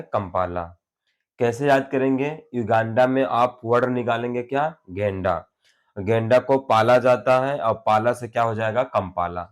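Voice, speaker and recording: A man teaching an online exam-prep lesson, asking questions and answering them himself, dropping his voice on each answer. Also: medium pitch.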